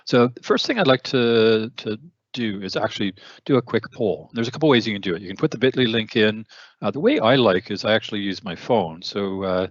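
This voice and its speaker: Low-voiced man hosting a tech webinar. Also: fairly quick, no echo, muffled recording. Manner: conversational, frequent fillers and repeated words. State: losing his voice, clearing throat. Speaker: webinar host. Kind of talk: technical webinar presentation.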